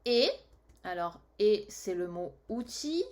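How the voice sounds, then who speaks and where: Woman teacher, middle pitch, extremely slow word-by-word dictation for kids, spelling reminders between words. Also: lively intonation. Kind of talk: slow dictation lesson for young children.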